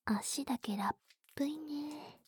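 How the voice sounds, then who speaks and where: A woman in an ASMR role-play of intimate pillow talk, very breathy and soft, teasing and coaxing with touches of baby talk. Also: high voice, a little slow.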